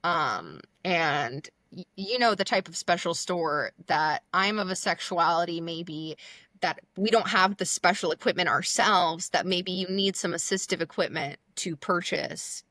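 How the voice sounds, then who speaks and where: A woman's voice: on the low side, unhurried, no echo. A young woman, a guest comedian, telling a story in casual chat, filler-heavy, and acting out the dialogue. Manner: animated, lots of "like", acts out dialogue.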